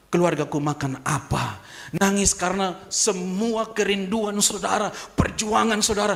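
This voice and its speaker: A male pastor preaching a sermon, swinging from hushed whispers to shouted peaks and calling out questions for the congregation to answer. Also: on the high side, gravelly. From Kupang, eastern Indonesia.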